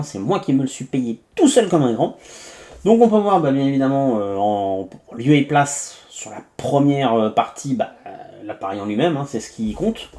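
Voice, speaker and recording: Chatty French tech reviewer, mellow voice. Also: male voice, medium pitch. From France. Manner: chatty, many hesitations and asides, narrates each step. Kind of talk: casual unboxing review.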